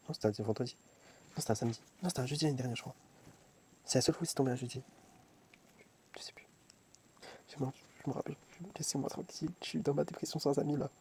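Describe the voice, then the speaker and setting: A man's voice: mid-range voice, a little mellow, a little hiss or hum. A young man filming a casual vlog at home on his phone, rambling and mocking himself, often restarting and repeating words. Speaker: vlogger. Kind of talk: casual self-filmed vlog. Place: at home at night.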